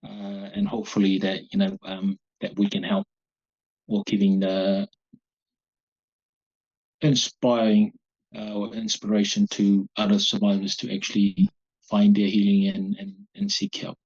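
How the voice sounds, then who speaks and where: Man, 40s, low husky voice, halting speech. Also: darkish tone, dull audio. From Samoa. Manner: halting, searching for words. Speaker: guest, abuse survivor. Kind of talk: personal interview.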